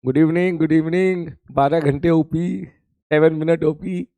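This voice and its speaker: A male physics teacher addresses his students in a live-streamed lesson, his throat hoarse and worn and his voice slightly high for a man yet dark in tone. He speaks steadily and unhurriedly, chatting freely, repeating greetings and calling the students "beta." The recording is close and dry, without echo.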